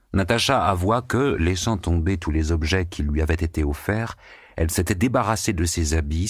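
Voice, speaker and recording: A man reading a novel aloud as an audiobook narrator, with steady, measured storytelling. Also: a bass voice, no echo, clean studio sound. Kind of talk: scripted narration.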